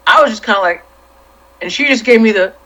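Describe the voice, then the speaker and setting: A man's voice: sits high, lively intonation, brisk, sharp tone, rough recording. A man co-hosting a casual culture podcast, making his points emphatically and acting out little quoted asides. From Los Angeles area. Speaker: podcast co-host. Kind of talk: casual chat.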